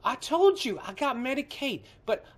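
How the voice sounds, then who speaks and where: A man's voice: extremely high pitch, very animated, normal speed, exaggerated voice. A man playing a needy, pain-ridden male prank caller who pleads insistently in folksy, nonstandard grammar. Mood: insistent, pleading. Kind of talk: prank phone call.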